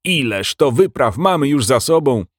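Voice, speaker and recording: A man's voice: medium pitch, lively intonation, moderate pace, breathy edge, no echo, clean studio sound, voice pushed up. A man voicing a boisterous, boastful old male admiral, a furry beaver-like creature who whistles through his big front teeth. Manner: loud, exclaiming, boastful.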